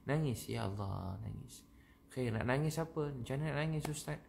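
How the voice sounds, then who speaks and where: A man's voice: medium pitch, expressive, moderate pace, creaky, slight background noise. A man, a preacher giving religious advice on a live stream, reading viewer comments and speaking in repetitive, rising phrases. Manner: reads out viewer comments and answers them warmly; repetitive, chanting cadence with rising emphasis. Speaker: Islamic preacher.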